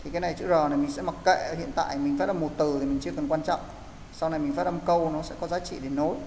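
A man's voice: on the high side, steady tone, fast, darkish tone. A man teaching English pronunciation in an online class, explaining and coaching students step by step. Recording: echoey, roomy hall sound with faint hiss.

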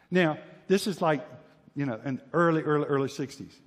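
A man's voice: on the high side, normal speed, big-room sound. A male pastor preaching a sermon with emphasis, often repeating and restarting words and acting out imagined voices. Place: church sanctuary.

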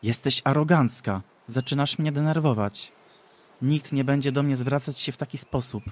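A man voicing a proud young goddess heroine who speaks loudly and commandingly in a fantasy storybook reading. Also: medium pitch, steady tone, normal speed, close to an everyday voice. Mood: indignant.

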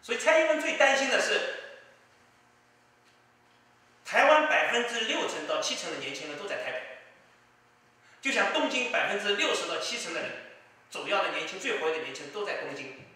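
A man's voice: high voice, sing-song, a little fast, pauses often, pushed and bright. A man giving emphatic political commentary, with rhetorical asides to his listener. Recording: distant mic in an echoey room.

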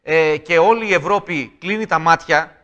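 A man's voice: on the high side, a bit bright, lo-fi sound. A man of about forty interviewing a guest, insistent, echoing and prompting as he goes. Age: around 40. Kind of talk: interview questioning. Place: indoor room with icons. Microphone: lapel mic.

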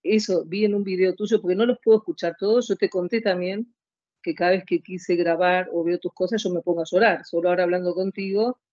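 A woman's voice: lowish voice, darkish tone, no echo, lo-fi sound. A woman in her late fifties telling her own story as an interview guest, rambling and heartfelt. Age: 50s. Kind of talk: emotional personal account.

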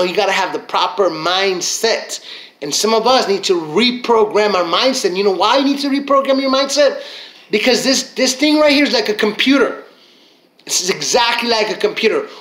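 A man delivers a punchy motivational talk in a high, bright voice. He preaches, repeats his lines for effect and slips into quick acted-out inner voices. The sound carries the echo of a roomy space. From Mexican heritage. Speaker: motivational speaker.

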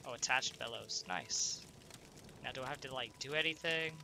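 Amid background noise, a congested let's-play gamer talks through his gameplay at normal speed in a medium-pitched voice with vocal fry. Chatty and stuffed up, he thinks aloud and keeps asking himself questions.

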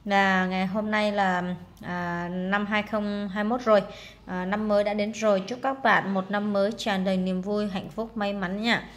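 A woman's voice: medium pitch, steady tone, a little slow. Female teacher, casual exam walkthrough, chatty with fillers. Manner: casual, many fillers, reads words aloud and translates. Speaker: English teacher.

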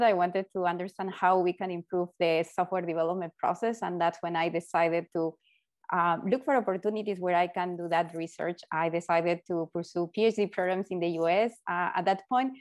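A woman's voice: lowish voice, steady tone, moderate pace. A middle-aged woman from Peru with a Peruvian Spanish accent, earnestly telling her story as a panelist on a video call, often repeating words as she finds them. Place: home office. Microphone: earphones on a video call.

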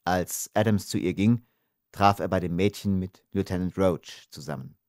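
A man narrating an audiobook in a measured, calm storytelling style. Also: sits low, no echo, clean studio sound. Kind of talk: scripted narration.

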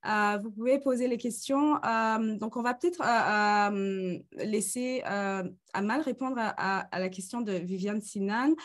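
In her thirties, this woman moderates an online conference discussion, speaking into a webcam on a video call from indoors in front of a green screen. Her mid-range voice moves a little slowly with few pauses, though she often hesitates with fillers.

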